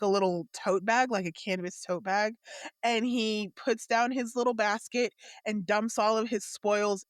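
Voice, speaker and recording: Woman, tabletop player narration, slow-paced, animated run-on storytelling, dry close recording. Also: medium pitch, no echo. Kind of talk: narrating a tabletop game character.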